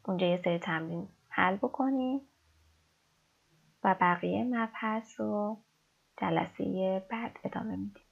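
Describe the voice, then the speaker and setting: A woman teaching English in a recorded lesson, explaining step by step and reading example sentences slowly. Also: medium pitch, gravelly. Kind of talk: recorded online language lesson. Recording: dull lo-fi recording.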